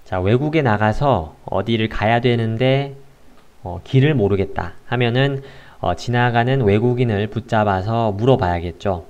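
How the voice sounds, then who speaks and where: A man teaching an English lesson in a casual explanatory way, unhurried and pausing often with filler sounds. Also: lowish voice, a little mellow, dull audio.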